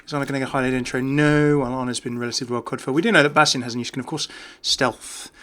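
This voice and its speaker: Talking very fast in a medium-pitched, slightly bright voice with fairly even intonation, a man riffs casually on a video game. He's chatty and keen on the small details.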